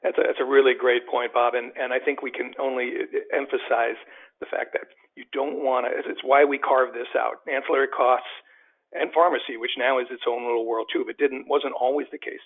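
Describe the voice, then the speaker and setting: A man co-presenting a webinar, explaining in a measured way and repeating words as he goes. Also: medium pitch, flat delivery. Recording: phone-like webinar audio.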